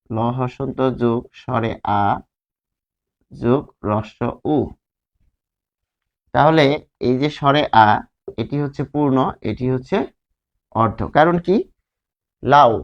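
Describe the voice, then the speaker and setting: A man teaching a grammar lesson, explaining slowly and repeating words while drawing out their sounds. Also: medium pitch, highs cut off.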